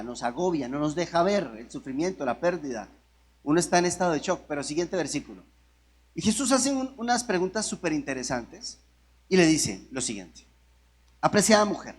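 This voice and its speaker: A man's voice: fairly high pitch, breathy edge. A man preaching a sermon in a conversational way, often asking the congregation rhetorical questions. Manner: conversational, with restarts and jokes.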